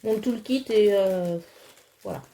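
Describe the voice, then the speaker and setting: Chatty woman with a mellow voice. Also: medium pitch, slow, a little hiss or hum. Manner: chatty, hesitant with many fillers, enthusiastic. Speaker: crafting vlogger. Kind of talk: casual unboxing chat.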